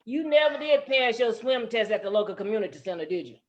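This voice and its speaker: A woman's voice: fairly high pitch, sing-song, fast, dull audio. A woman voicing a cheerful, sly male rabbit from a folk tale in a sing-song, theatrical way. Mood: bossy, coaching.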